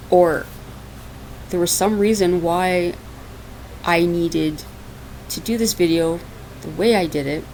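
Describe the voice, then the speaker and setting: A Portuguese woman who is both a minister and podcast host talks casually about spiritual matters, laughing often and using many fillers, in a low, slightly mellow voice. The rough, raw recording, made on a laptop microphone on her lap in a dark, hot room at home, has a faint hiss.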